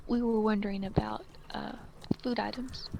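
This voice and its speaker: A woman chats casually as a player in a tabletop game. Her voice is of medium pitch with heavy creak. There is clear noise behind her. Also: big pitch swings, moderate pace. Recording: clearly noisy room.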